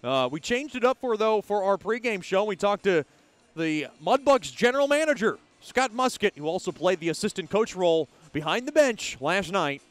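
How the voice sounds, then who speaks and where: A man's voice: high voice, sing-song, normal speed, no room sound. A man hosting a hockey pregame broadcast in a formal sports announcer manner.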